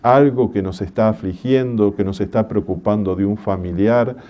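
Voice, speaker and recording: A parish priest with a lowish voice gives a religious conference talk, preaching in a gentle, measured way and sharing homely stories. The recording is muffled.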